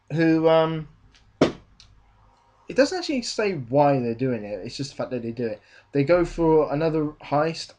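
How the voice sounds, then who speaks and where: A man's voice: medium pitch, darkish tone. A young man giving a casual spoken film review, hesitant and rambling, with many fillers and restarts.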